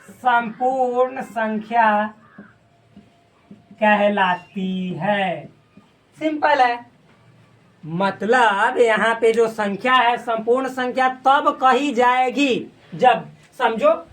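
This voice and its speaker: A high-pitched woman teacher walks through a maths lesson, counting out numbers as she writes. She teases her students with slang and rhymes and keeps the tone light and joking. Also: fairly bright tone. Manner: playful, teasing, rhyming asides and slang while explaining. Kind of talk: classroom lesson video.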